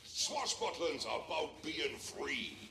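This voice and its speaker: An actor playing a hearty, carefree old pirate sailor in a video game, talking like a gruff, salty old fisherman with a gravelly voice. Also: on the high side, big pitch swings, slow pace, pushed and bright, full character voice. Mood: hearty, easygoing. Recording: roomy echo, faint background noise.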